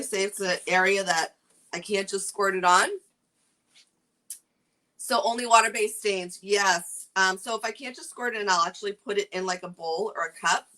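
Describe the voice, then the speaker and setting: In a low-quality recording, a middle-aged woman with a New England accent teaches furniture staining in a casual live craft demo, her mid-range voice pushed and bright. As a furniture painting instructor, she keeps up a chatty rapport, addressing viewers by name and reading comments aloud.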